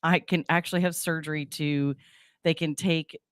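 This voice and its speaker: A middle-aged woman chats candidly on air in a fairly low voice. There is a faint wheeze through her nose as she talks. The sound is close and dry, and her style is casual and self-mocking. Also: fairly even intonation, moderate pace, clean tone, no echo. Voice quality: slight nasal wheeze. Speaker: talk show co-host. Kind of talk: casual chatty on-air conversation.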